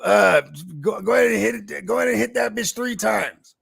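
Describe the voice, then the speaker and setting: A man co-hosting a casual live stream, rambling through animated stories, swearing and often adding "you know what I mean". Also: high voice, a little fast, vocal fry, breathy edge, no echo, clean studio sound. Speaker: co-host, league commissioner.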